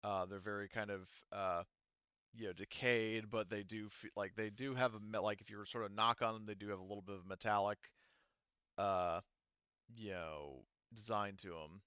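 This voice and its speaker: Narrating a tabletop roleplaying game off the cuff, a game master searches for words and describes scenes haltingly. His low, clean voice is steady, pushed and bright, clear, and resonant. The sound is close and dry with no echo, though a bit dull.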